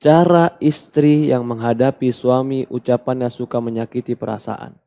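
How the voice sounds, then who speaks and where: A man delivers a question-and-answer sermon in a mellow, gravelly voice. He builds to loud, animated points and then falls quiet to quote gentle advice. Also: medium pitch, normal speed. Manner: animated, rising to emphatic bursts then dropping to soft quoted asides. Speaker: Islamic preacher answering questions. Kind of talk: sermon, Q&A lecture.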